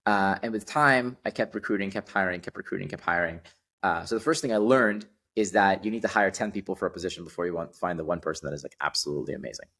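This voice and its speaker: Guesting on a podcast, a young man who founded a startup spins stories with real energy in a low, deep voice. His delivery is relaxed, punctuated by frequent "ums" before he pushes forward.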